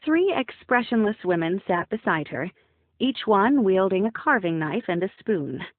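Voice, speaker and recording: A woman's voice: mid-range voice, big pitch swings, moderate pace, no room sound. A young woman narrating an audiobook in the first person, wry and playful. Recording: dry, phone-like narrow sound.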